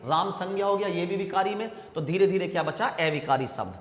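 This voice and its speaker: Male exam-prep grammar teacher, higher pitch, drills answers by repetition, echoing room. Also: fairly quick. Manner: calls students 'bhaiya' and 'beta'. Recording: echoey room with long reverb.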